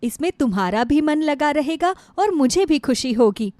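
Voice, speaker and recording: A woman voicing a steady widowed neighbour in a storybook tale, speaking in a calm, comforting way. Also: high-pitched, normal speed, dry recording.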